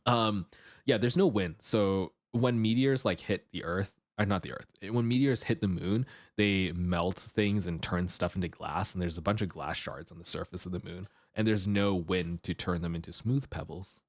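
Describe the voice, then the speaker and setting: A man hosting a livestream with casual chat and commentary, jumping from excitable exclamations to low asides. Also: normal speed, dry recording, clean studio sound. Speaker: livestreamer and host.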